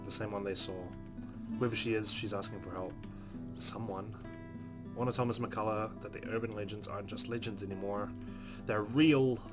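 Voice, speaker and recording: A man's voice, low-leaning, with fairly even intonation and a moderate pace, reads a visual novel's narration expressively during a let's play. Between lines he makes casual, wry remarks over guitar game music.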